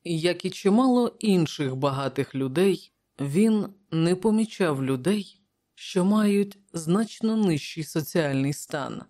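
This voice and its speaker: A narrator reading an adventure novel aloud in a measured, even storytelling manner. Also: mid-range voice. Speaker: audiobook narrator. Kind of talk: scripted narration.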